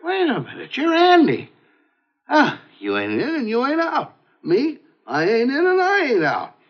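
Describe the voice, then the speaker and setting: An actor playing a cheerful, sentimental town drunk who rambles in a boozy, drunken way in an old television sitcom. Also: male voice, extremely high pitch, huge pitch swings, a little slow, heavily acted. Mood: confused, amused. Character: cheerful, slurring town drunk, middle-aged man, sentimental and cocky. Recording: dull, noisy old TV soundtrack.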